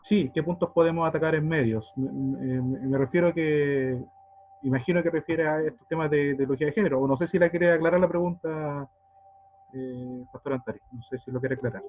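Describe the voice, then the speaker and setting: A man's voice: fairly high pitch, steady tone, brisk, highs cut off, faint music behind. A man moderating an online talk, hesitantly reading out questions from the chat. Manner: hesitant, repeats words.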